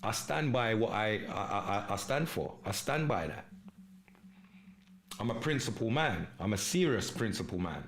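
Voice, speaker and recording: Man, Jamaican Patois-inflected English, fairly low voice, podcast host, emphatic, repetitive, slangy. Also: lively intonation, moderate pace, a bit bright. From England. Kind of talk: live podcast monologue.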